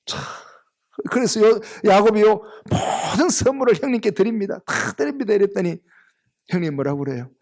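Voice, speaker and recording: A male pastor with a Gyeongsang accent preaching a sermon in a church, telling the story with lively acted-out lines. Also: high-pitched, vocal fry. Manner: animated storytelling, acts out biblical characters' lines. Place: church sanctuary.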